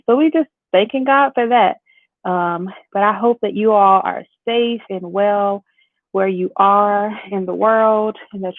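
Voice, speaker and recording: Hosting a casual makeup livestream, an upbeat woman with a mid-range voice chats away with her viewers. Her AirPods mic makes the audio tinny and phone-like, though there is no echo.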